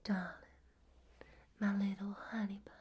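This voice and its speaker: A woman voicing a genteel Southern belle with an American Southern accent, whispering softly with endearments. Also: mid-range voice, level tone, measured pace, slightly rough. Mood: soothing. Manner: soft whisper, endearments like darling. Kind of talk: ASMR accent roleplay.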